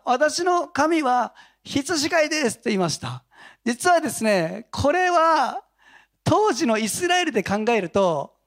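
Lively high-voiced male pastor. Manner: animated storytelling with frequent chuckles. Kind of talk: conversational sermon.

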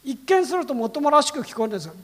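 A man preaching a sermon as a pastor, telling the story with lively asides and tagging his sentences with frequent questions to the listeners. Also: very high-pitched, racing, in a large hall.

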